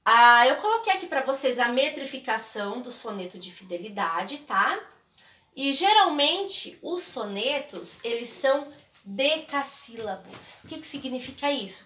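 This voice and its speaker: A woman's voice: on the high side, a bit bright. A woman teacher with a Brazilian Portuguese accent explaining a literature lesson and often checking in with her students. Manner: explanatory, checks in with frequent tags. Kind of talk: recorded classroom lesson. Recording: echoey room.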